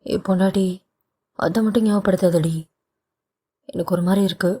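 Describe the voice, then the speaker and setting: A woman's voice: medium pitch, steady tone, moderate pace, dark tone, husky, close to an everyday voice. A woman voicing a young husband who is guilt-ridden and protective, pleading in a tender, scolding way, in a read audio novel. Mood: tense.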